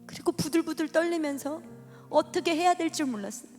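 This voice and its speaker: Woman, high pitch, emotional church testimony, dramatic storyteller, reverberant hall with soft music under. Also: fairly quick. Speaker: testimony speaker.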